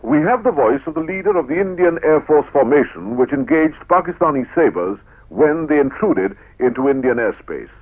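A man's voice: fairly high pitch, very animated, normal speed, slight background noise. A man narrates an old newsreel in a formal, declamatory style. The archival recording is very narrow and tinny, like a radio broadcast.

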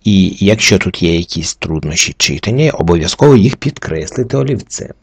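A man's voice: low voice, animated, gravelly, husky, dry recording. A man teaching a recorded lesson, methodically walking through the reading rules letter by letter. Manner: methodical, slowly walks through each letter rule. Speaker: French teacher.

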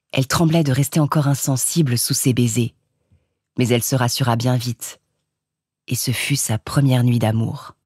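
Husky woman reading a novel aloud. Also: extremely low pitch, dry recording, clean studio sound. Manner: measured, expressive reading. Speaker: audiobook reader. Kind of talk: scripted narration of a classic novel.

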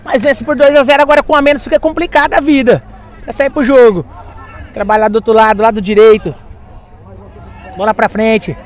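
High-voiced Brazilian football play-by-play man. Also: fairly even intonation, brisk, pauses often. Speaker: football match commentator. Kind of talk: live play-by-play commentary. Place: small outdoor grass football ground, at the touchline. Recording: outdoor pitch, faint crowd noise.

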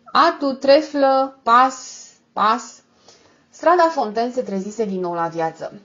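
A woman narrating a novel as an audiobook in a steady, measured read. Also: mid-range voice, lo-fi sound. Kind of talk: scripted narration.

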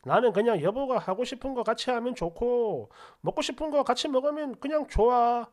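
A woman's voice: a little high, a little fast, a little mellow, natural voice. A woman voicing a considerate but stubborn husband in a narrated story, arguing back insistently. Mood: gentle.

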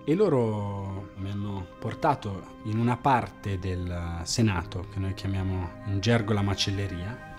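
A man playing a disillusioned former party member in a mockumentary interview, recounting events in a flat, matter-of-fact way. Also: fairly low pitch, unhurried, lightly acted. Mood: deadpan. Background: background music.

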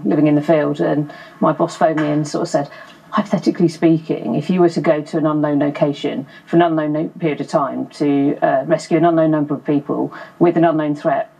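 A woman in her thirties, an RAF Police officer, speaking as a guest in a TV studio interview. She talks in a brisk, matter-of-fact way into a lapel mic. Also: sits low, vocal fry, darkish tone, breathy edge, low-quality recording. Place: TV studio sofa.

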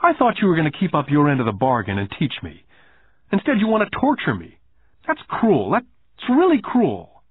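Man playing defiant nine-year-old boy, high-pitched, pouting, pleading, audiobook character, thin muffled recording. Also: very animated, quick pace, hardly any pauses, slightly rough, no room sound. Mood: aggrieved. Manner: blurting, pleading, aggrieved. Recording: muffled, phone-like narrow band.

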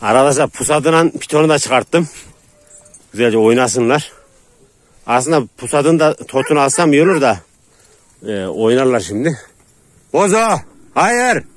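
A man, a vlogger talking casually to viewers and his dogs outdoors, joking roughly and laughing. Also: mid-range voice, expressive, moderate pace, pauses often, dry recording. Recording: noisy outdoor recording with barking dogs.

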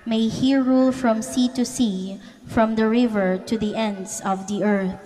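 A woman's fairly high voice reads scripture slowly and solemnly as a lector at Mass. Her phrasing is formal and deliberate, with long church reverb around it. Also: fairly even intonation, warm tone. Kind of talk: solemn scripture and psalm reading. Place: large church interior.

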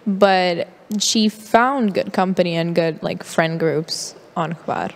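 The voice belongs to a teenage actress, fairly low in pitch, slow and gravelly, as she responds to interview questions and interprets for her director with much hesitation and many fillers. It's recorded on a handheld mic in a festival press area inside a large hall, with hall reverb.

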